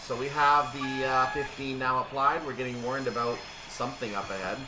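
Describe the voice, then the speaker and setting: At a normal speed, a man provides improvised commentary on a train simulator for a gaming video, thinking aloud and explaining each move. He's recorded from afar, so the sound is roomy and off-mic, with a steady hum and rumble.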